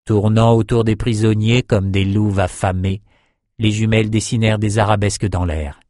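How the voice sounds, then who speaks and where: A man narrating a dark fantasy novel in a steady, even reading voice. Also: fairly low pitch, normal speed, no echo, studio quality. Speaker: audiobook narrator.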